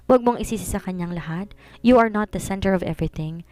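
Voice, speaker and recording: A frank young female cousin giving firm, lecturing advice, as a woman narrator puts her on. Her voice is smooth and clear, recorded close and dry. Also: mid-range voice, quick pace, a little mellow, dry recording, natural voice.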